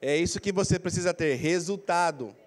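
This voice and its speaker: A middle-aged Brazilian man with a handheld mic, giving an animated career coaching lecture in a large auditorium, prompting the audience to repeat phrases. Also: sits high, moderate pace. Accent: Brazilian Portuguese. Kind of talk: lively motivational lecture. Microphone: handheld mic, walking the floor.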